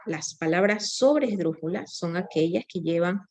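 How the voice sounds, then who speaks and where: A woman's voice: on the low side, expressive, normal speed, a little mellow. A woman giving a recorded grammar lecture, explaining step by step with frequent tag questions and small self-corrections. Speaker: teacher.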